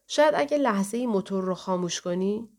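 A woman voicing a young woman with amnesia in an audiobook, her voice lifted a little higher for the dialogue. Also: expressive, darkish tone, lightly acted. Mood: uneasy. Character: young woman with amnesia, uneasy, quick-tempered.

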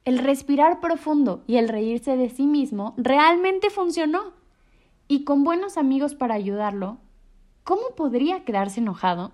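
Woman storyteller, expressive read-aloud, lively and slightly high. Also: measured pace. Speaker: radio storyteller. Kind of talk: children's story reading.

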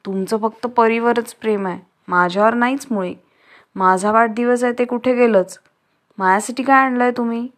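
A woman's voice: unhurried, close to an everyday voice. A woman doing a whiny jealous little boy. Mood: sulky whining. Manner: high, loud, pleading and complaining.

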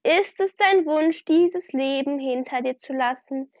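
A woman's voice: sits high, measured pace, no echo, dull audio. A woman voicing a stern, proud young female warrior cat who talks in a commanding, challenging way. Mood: solemn.

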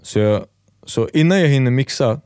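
A man's voice: mid-range voice, lively intonation, a little mellow, clear, resonant tone, no room sound, clean studio sound. A man co-hosting a podcast, casually telling a long story and acting out both sides of the dialogue. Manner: rambling storyteller, acts out quoted dialogue. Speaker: podcast co-host. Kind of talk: casual chat.

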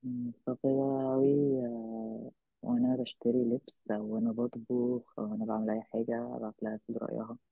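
A woman with an Egyptian Arabic accent giving a halting, reflective personal account as an interview guest. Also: rumbling low, lively intonation, creaky, breathy edge, no room sound. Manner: halting, reflective, with trailing phrases. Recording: thin, phone-like narrow-band sound.

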